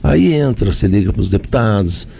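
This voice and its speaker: Gravelly Brazilian mayor explaining. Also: male voice, on the low side, expressive, normal speed, a little mellow. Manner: explanatory, lists points with repeated phrases. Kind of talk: radio interview answers.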